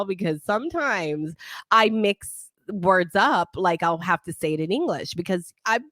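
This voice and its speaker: A woman's voice: mid-range voice, fairly bright tone, no room sound. Woman host, italian first language, chatty and giggly, dry sound. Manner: bubbly, laughs often. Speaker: podcast host. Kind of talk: casual chat.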